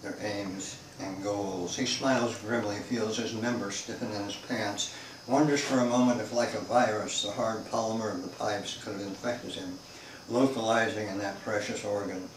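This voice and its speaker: A man's voice: on the low side, steady tone, normal speed. A man reading his own novel aloud in a dramatic, shifting narrating style. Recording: echoey room, mic far off, faint hiss.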